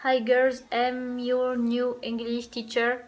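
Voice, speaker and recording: A woman voicing a friendly, apologetic new female English teacher who reads her English slowly and haltingly with a French accent. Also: a little high, little pitch movement, natural voice, rough recording.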